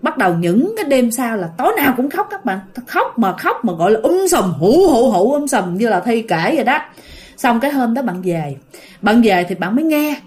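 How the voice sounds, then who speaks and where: A woman's voice: on the high side, a little fast. A woman telling a ghost story in a chatty, casual way, often talking straight to her listeners. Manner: chatty, addresses listeners directly, animated when telling scary parts.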